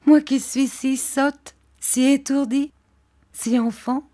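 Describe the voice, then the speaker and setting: A woman voicing a frail, childlike young wife who speaks softly, eagerly and with great affection. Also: high-pitched, fairly even intonation, slow, pitched above the performer's own voice. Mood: tender. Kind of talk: audiobook character voice.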